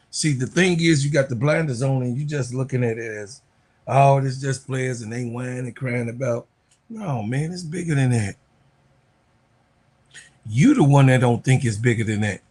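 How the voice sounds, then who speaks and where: A man's voice: mid-range voice, normal speed, a little mellow. A man co-hosting a podcast, arguing heatedly about basketball with emphatic, repetitive, preachy points. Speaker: podcast co-host. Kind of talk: heated sports debate.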